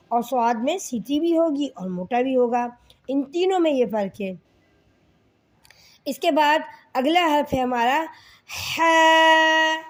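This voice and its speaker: A woman with a Pakistani accent gives a reading lesson to children. Her voice sits high and bright, and she speaks slowly, drawing out each letter sound and often asking whether the class has understood. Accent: Pakistani Urdu. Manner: slow, patient, repeats sounds and asks "okay children?". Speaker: Quran reading teacher.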